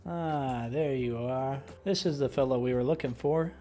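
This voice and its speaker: A young adult man hosts a gaming video, casually commentating his own let's play. His mellow, medium-pitched voice moves at a normal speed as he chats away, poking fun at himself.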